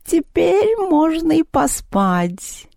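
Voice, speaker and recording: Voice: very high-pitched, very animated, extremely slow, creaky, darkish tone, no echo, clean studio sound, voice pushed up, exaggerated voice. A storyteller voicing a lazy, sly male talking cat who drawls mocking remarks in a children's audiobook.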